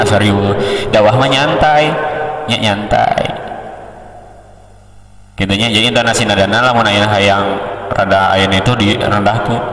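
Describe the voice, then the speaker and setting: Sundanese guy explaining how to preach, takes his time, low flat voice, echoey room, mic kinda far. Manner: slow, unhurried, with many pauses. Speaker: speech coach. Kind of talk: casual tutorial on preaching delivery.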